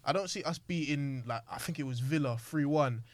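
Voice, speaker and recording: A man's voice: fairly high pitch, fairly quick. A man with a London accent chatting casually and colloquially, often adding conversational tags. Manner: colloquial, repeats tags like "you know what I mean". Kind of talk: casual chat.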